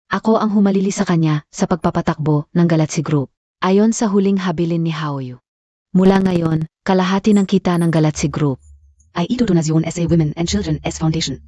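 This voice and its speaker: A woman's voice: lowish voice, dark tone, dry recording, dull audio, close to an everyday voice. An actress playing a cold, accusing woman who has taken over a company, in a dubbed drama. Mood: defiant. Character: cold, defiant young woman heading a company. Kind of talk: dubbed short drama acting.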